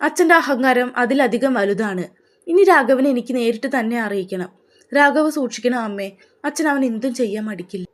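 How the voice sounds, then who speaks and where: A woman's voice: on the high side, expressive, brisk, lightly acted. A woman voicing a frightened but brave young daughter in a narrated story, speaking in an earnest, pleading way.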